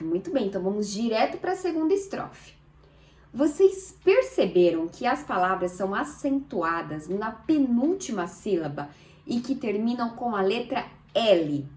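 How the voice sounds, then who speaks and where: A Brazilian woman teaching a lesson for children, speaking slowly and drawing words out syllable by syllable while asking her pupils questions. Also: on the high side, a bit bright. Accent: Brazilian Portuguese.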